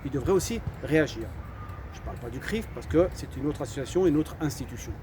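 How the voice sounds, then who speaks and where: Background noise sits under this mid-range, animated, fast male voice. He's a French channel host of Algerian heritage, raised in France, offering opinions casually with hesitations, repeated words and plenty of "voilà".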